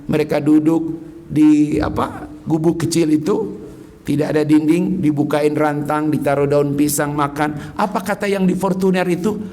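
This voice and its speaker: A man preaching a sermon in a mosque, telling stories with lively acted-out dialogue. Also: fairly high pitch. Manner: animated storytelling, acting out quoted people. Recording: long hall reverb.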